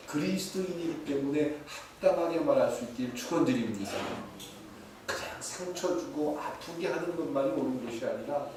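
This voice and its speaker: A man preaching a sermon as pastor, lively and playful, mimicking short dialect phrases. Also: medium pitch. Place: church sanctuary. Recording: echoey, distant, faint hiss.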